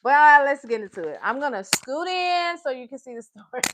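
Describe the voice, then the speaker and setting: A woman leads a live story time for kids, sounding excitable and encouraging as she repeats phrases and calls her listeners friends. Her voice sits high and moves briskly, with background noise in the recording.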